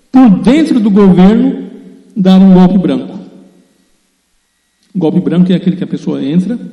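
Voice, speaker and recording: A man's voice: sits high, mellow. An Italian-born man, a native Italian speaker, giving earnest, emphatic spoken commentary that addresses his listeners directly. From Italy. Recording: roomy echo with long reverb.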